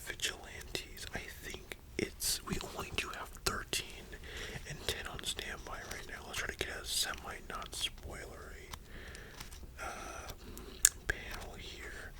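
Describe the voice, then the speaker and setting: Soft library whisper, casual ASMR fan talk. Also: unhurried. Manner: soft unvoiced whispering throughout; informal, opinionated, slangy. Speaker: host of an ASMR channel.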